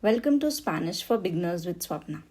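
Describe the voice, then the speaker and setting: A woman's voice: lowish voice, lively intonation, fairly quick, mellow, husky. A woman teaching a beginner Spanish lesson, patiently saying each word twice for learners. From India. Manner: patient, repeats words for learners. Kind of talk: slow beginner language lesson.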